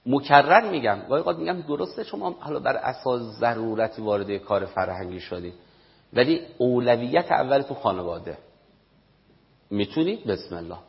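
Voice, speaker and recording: A man's voice: medium pitch, expressive, creaky. A man giving a lecture on parenting to an audience, stressing and repeating his key points. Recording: dull echoey hall recording.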